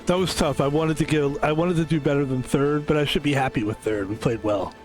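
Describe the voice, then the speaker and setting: A man's voice: fairly high pitch, fairly quick, darkish tone, faint music behind. Rambling game streamer man from Philadelphia. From Philadelphia, USA. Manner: rambling, self-interrupting storyteller. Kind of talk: casual stream chat.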